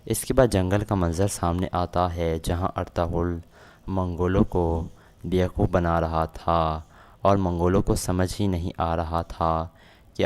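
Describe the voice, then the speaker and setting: A man's voice: low-pitched, a little mellow, smooth. A man narrating a recap of a drama episode, steadily retelling the plot and quoting the characters.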